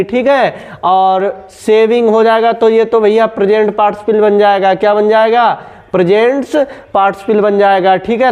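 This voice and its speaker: A man's voice: sits high, clear, resonant tone. A man teaching a grammar lesson, asking a question and then answering it himself, repeating each word. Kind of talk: classroom-style grammar lesson.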